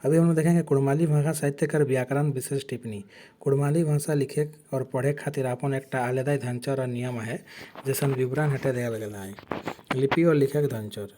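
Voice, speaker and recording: A man gives an exam-prep lesson, reading terms off a slide one by one. His voice is dark and mellow at a middle pitch, and he often stops to correct himself. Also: fairly even intonation, normal speed, slight background noise. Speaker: teacher.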